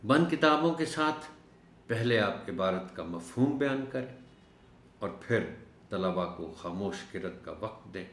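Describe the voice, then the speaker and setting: A man teaching a recorded lesson for teachers, explaining words slowly and drawing out the key ones. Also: fairly low pitch, animated, roomy sound. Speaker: teacher trainer.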